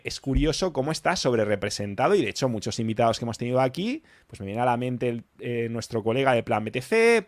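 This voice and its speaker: A podcast host from Spain with a Valencian accent chats casually in a blunt, emphatic way, swearing freely. His voice is mid-range, and the recording is dry.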